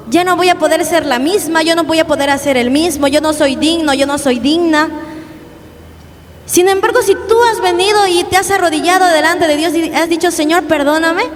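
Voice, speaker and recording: A young woman preaching a sermon at a youth service, earnest and repetitive, often asking the congregation questions. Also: very high voice. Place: church hall. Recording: long church hall reverb, faint background noise.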